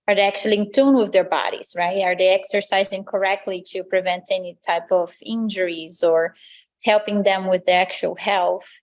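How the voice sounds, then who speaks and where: Speaking at normal speed in a steady, medium-pitched voice, this lifestyle coach from Brazil is a podcast guest fielding interview questions. She's a native Portuguese speaker with a Brazilian accent, and she comes across as earnest and motivational.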